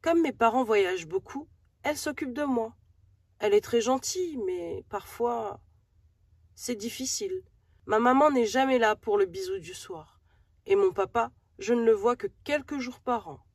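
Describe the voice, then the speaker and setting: A small, wistful swallow girl, voiced by a woman in a storybook for a toddler. She is soft and confiding, fairly high, in a dry recording. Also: animated, normal speed, dry recording.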